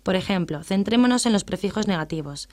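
A woman explaining English grammar in a radio lesson, patient and methodical, reading out English examples slowly. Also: medium pitch, lively intonation, a little mellow.

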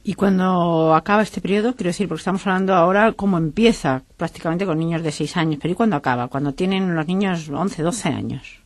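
A woman host puts questions to her guests at an unhurried pace, pausing as she looks for the right words. Her voice is mid-range and the sound is dry and close. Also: fairly low pitch, dry recording. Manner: asks questions slowly, searching for words. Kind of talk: radio interview.

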